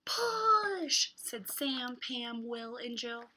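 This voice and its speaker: This children's read-aloud host has a slightly high voice and stretches out her words as she reads a picture book to young kids. She's exaggerated and animated, punching words for dramatic effect.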